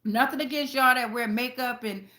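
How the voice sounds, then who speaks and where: Pushed and bright, with a slightly high pitch and normal speed, this channel host's voice carries a laid-back tarot reading. She's blunt and foul-mouthed, weaves in stories from her own life, and keeps turning to address her audience directly.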